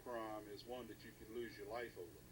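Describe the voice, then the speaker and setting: An American man in a casual political discussion, speaking in a halting but emphatic way and repeating phrases for weight, on a noisy recording. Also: on the low side, level tone.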